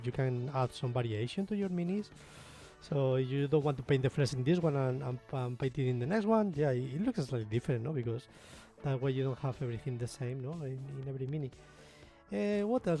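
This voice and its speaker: A young man with a Spanish accent explains his miniature painting in a casual tutorial, rambling and poking fun at himself with plenty of fillers. His voice is medium-pitched and warm.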